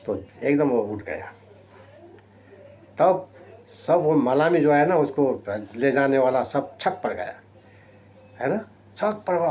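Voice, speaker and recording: Man preaching with sharp rises and drops. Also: mid-range voice. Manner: rising and dropping sharply for emphasis, frequent tag questions. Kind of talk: sermon.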